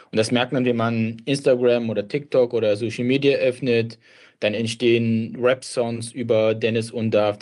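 Man, interview guest, even middle voice, thoughtful measured answers. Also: medium pitch. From Kurdish family, grew up in Germany. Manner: reflective and measured, with brief restarts.

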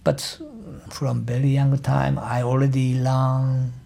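Slow, gravelly man with Japanese accent. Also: mid-range voice, monotone, warm tone. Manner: searching for words, halting. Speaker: musician. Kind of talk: interview answers in English.

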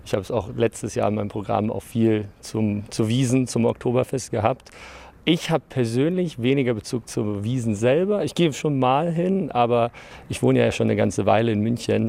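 A man's voice: fairly low pitch, normal speed, gravelly, mellow. A man, a comedian being interviewed outdoors, answers hesitantly with many fillers. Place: outdoors on a fairground.

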